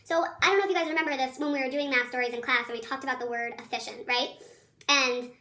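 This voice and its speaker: A woman with a squeaky, helium-like chipmunk voice teaching children in a chatty, encouraging, informal video lesson. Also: steady tone, fast, bright, forceful tone. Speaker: elementary school teacher.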